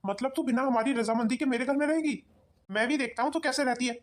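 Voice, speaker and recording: A woman's voice: high-pitched, fast, close to an everyday voice. Woman voicing a harsh young cartoon husband. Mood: stern. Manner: harsh, commanding. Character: stern young husband, mother's loyal son. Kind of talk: cartoon voice acting.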